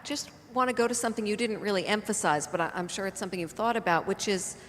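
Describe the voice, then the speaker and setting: A woman's voice: medium pitch, quick pace, slight background noise. A woman in the audience posing a question after a conference talk, phrasing it tentatively as she searches for words. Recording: lecture hall reverb.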